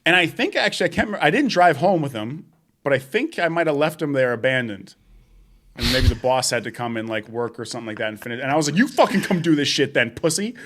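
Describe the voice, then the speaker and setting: A man's voice: mid-range voice, animated, fast talker, a bit bright. A young man co-hosting a podcast, telling job stories in casual chat, swearing often and laughing as he goes. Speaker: podcast co-host.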